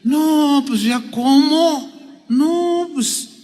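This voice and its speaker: A man's voice: very high-pitched, drawn-out words, dark tone, in a large hall, pitched above the performer's own voice, heavily acted. A man voicing an elderly woman who whines in disbelief and giggles. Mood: wry disbelief. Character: elderly woman, doubtful and wryly amused.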